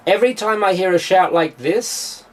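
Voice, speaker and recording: A man's voice: high voice, moderate pace. A man, a music producer, explaining his mixing steps in a studio tutorial, with frequent "uh"s as he works. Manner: explanatory, with frequent filler sounds.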